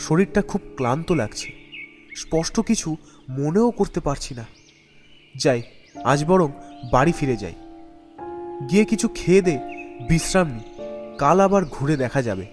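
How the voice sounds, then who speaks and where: A man voices an earnest young student son in an animated ghost story, using a high-pitched, emotive, pleading delivery. The character sounds puzzled and weary.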